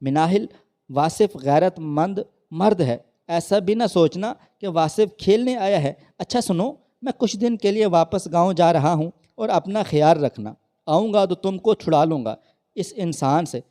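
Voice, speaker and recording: A man voicing a kind young male lawyer who speaks gently and reassuringly in a read-aloud story. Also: sits high, lively intonation, unhurried.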